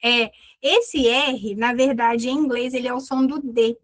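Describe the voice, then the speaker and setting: Lively high-voiced Brazilian teacher. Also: female voice, no room sound. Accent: Brazilian Portuguese. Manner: lively, playful, drills words slowly. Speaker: English teacher. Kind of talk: online class lesson.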